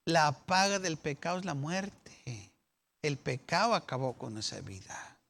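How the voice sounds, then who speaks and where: A man's voice: fairly high pitch, sing-song, measured pace, gravelly, a bit bright. A man preaching a sermon as a pastor, arguing through questions and acting out the complaining people's voices. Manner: acts out the doubting people's voices with questions and rebuttals.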